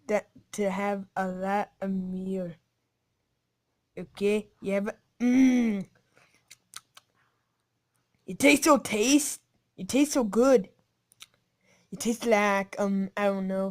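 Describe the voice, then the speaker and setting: A woman commentating her own gameplay, giggling and switching between taunting whispers and excited shouts. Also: medium pitch. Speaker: gaming channel host. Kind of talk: game commentary.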